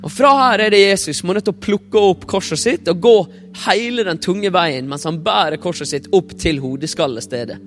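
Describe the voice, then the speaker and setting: A man's voice: sits high, few pauses, a bit bright. A man preaching a sermon, retelling a story vividly and acting out the quotes. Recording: long reverb, faint music.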